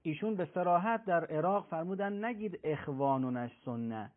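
A man's voice: fairly high pitch, lively intonation. A man speaking as a religious scholar on a talk show, telling a pious story earnestly and quoting the figures in it. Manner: earnest, preaching, recounts tales with quoted voices. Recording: thin phone-like broadcast sound.

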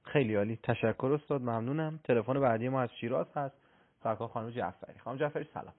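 A male host runs a radio call-in program with formal, courteous phrasing. His voice has a mid-range pitch and a narrow, lo-fi broadcast sound. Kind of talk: hosting a call-in show.

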